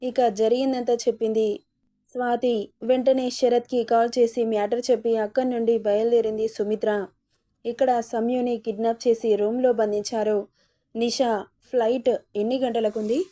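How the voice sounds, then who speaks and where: A woman narrating a serialized story in an even storytelling delivery. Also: on the high side, moderate pace.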